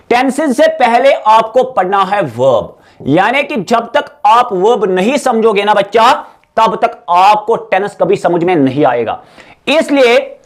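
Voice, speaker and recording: A man teaching an exam-prep grammar lecture, coaxing his students as he asks questions and answers them himself. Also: high-pitched. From Jammu and Kashmir. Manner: calls the viewers child and dear students.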